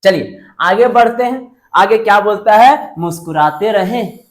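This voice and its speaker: A woman's voice: medium pitch, expressive, unhurried. A woman teaching a university lecture. She mixes textbook phrasing with casual speech, asks herself rhetorical questions and repeats each point twice. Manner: mixes textbook Hindi with colloquial local speech.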